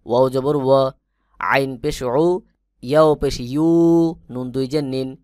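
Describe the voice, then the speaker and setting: A man teaching Quran reading, spelling each syllable slowly and then chanting it in a drawn-out melody. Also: medium pitch, steady tone, smooth, no echo, clean studio sound. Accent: Bangladeshi Bengali. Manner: explains rules in quick, soft speech. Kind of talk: Quran recitation lesson, spelling letters aloud.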